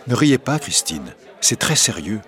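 A man's voice: mid-range voice, very animated, a little slow, a bit bright, a faint crowd, pitched above the performer's own voice. A man reading as an impassioned young nobleman.

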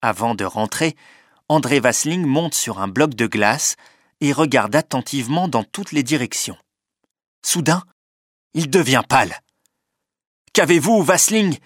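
Male storybook narrator, measured and clear, dry booth sound. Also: mid-range voice, expressive, fairly bright tone, dry recording. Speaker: audiobook narrator.

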